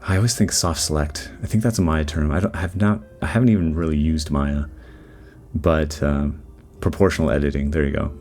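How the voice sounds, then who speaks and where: A man giving relaxed, rambling voice-over commentary on his 3D modeling timelapse, with lots of fillers and restarts. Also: extremely low pitch, fairly quick. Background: faint background music.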